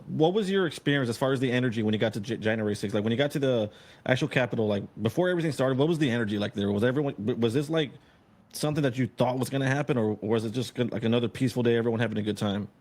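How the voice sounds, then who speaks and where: A man's voice: medium pitch, very fast, darkish tone. A man co-hosting a casual interview who asks loose, run-on questions. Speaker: co-host.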